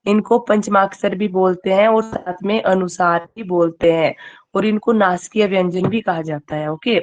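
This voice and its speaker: A woman's voice: mid-range voice, takes it slowly, pauses often. A woman teacher giving an online grammar class. She keeps quizzing her students and checks in with "okay" as she goes.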